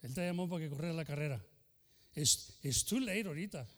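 Older pastor preaching passionately in a hall. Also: male voice, on the high side, expressive, a little fast, a bit bright. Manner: impassioned, switching between Spanish and English. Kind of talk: bilingual sermon.

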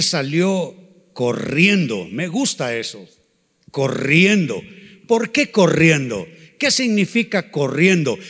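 A man preaching in a long-reverb church hall, his voice high and bright. He talks slowly and with emphasis, and leads the congregation in call-and-response. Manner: slow, emphatic preaching that builds to shouted repetitions; asks the congregation to repeat phrases. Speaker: pastor. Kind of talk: sermon.

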